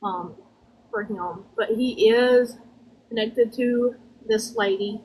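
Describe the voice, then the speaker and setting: A woman with a Southern US drawl giving a conversational spirit reading in a folksy, halting way, often circling back over her words. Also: a little high, darkish tone, a little hiss or hum, low-quality recording.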